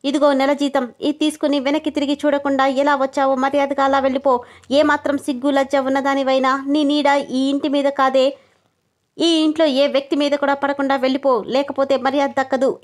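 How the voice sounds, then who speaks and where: A woman's voice: high-pitched, flat delivery, fairly quick, close to an everyday voice. A woman voicing a harsh, domineering wealthy mother who scolds and threatens in a commanding way. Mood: threatening.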